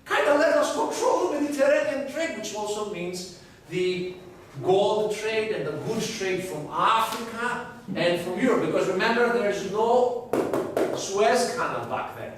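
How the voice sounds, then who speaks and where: Lively, joking male lecturer; high voice, faint hiss, mic far off. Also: measured pace. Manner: lively, jokey, asks the class questions. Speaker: university lecturer. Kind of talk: classroom lecture. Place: classroom. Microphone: far camera. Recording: echoey classroom from a far camera.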